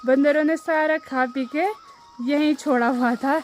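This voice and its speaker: Out in a hillside farm field, a young woman from Uttarakhand, India, explains things to her viewers in a friendly, casual vlog. She speaks a little slowly in a high-pitched, steady voice, with a slight hiss or hum in the background of this village lifestyle video.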